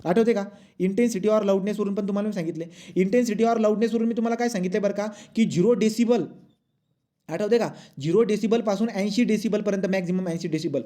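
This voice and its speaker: Male teacher lecturing a class, fast and high-pitched, keeps checking understanding, mixes in English terms. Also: dark tone. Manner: asks pupils frequent check questions; mixes English textbook lines into Marathi. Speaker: physics teacher.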